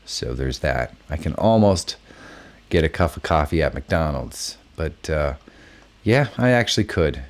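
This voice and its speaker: A man's voice: extremely low pitch, measured pace. A man hosting a casual live stream, chatting with viewers in bursts of exclamations and reading out their messages. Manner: animated, bursts of exclamations, reads chat aloud. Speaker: host of a live creator hangout.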